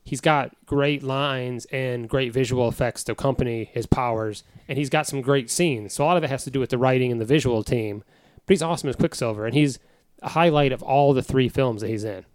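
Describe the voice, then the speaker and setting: A man's voice: mid-range voice, a little fast, no room sound. A man co-hosting a casual podcast chat in a studio, with jokey, sarcastic asides. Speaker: podcast co-host. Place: recording studio.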